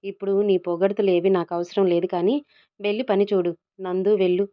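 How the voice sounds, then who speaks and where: A woman's voice: medium pitch, level tone, fairly quick, muffled recording, natural voice. A woman voicing a level-headed young man in an audio story, brusque and scolding toward his friend. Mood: impatient.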